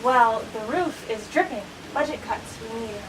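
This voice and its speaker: An actress playing a wry, sarcastic police officer who jokes through the storm. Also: female voice, fairly high pitch, expressive, normal speed, very noisy, lightly acted. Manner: playful, sarcastic. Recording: distant mic, rain and thunder.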